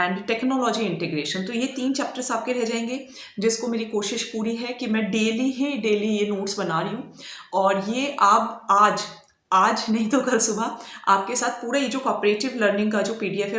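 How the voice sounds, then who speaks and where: A woman's voice: mid-range voice, roomy sound. A woman teaching an online exam-prep lecture. She switches between Hindi and English and keeps checking in with "okay" as she explains.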